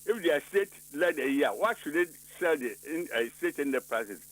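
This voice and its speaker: A man's voice: fairly high pitch, animated, fairly quick, poor audio. A man with a Ghanaian accent arguing politics in a heated discussion, insistent and repeating himself. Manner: insistent, repeats himself, switches between Twi and English.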